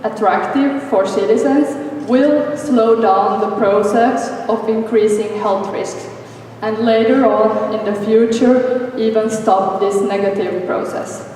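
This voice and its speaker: A young woman with a French accent presents her school team's work, taking her time over each phrase. She sounds a little high and is heard from a distance, with long reverb from a large hall and faint noise behind her. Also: steady tone, slow, a little mellow. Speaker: student presenter. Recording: echoey hall, voice from far off.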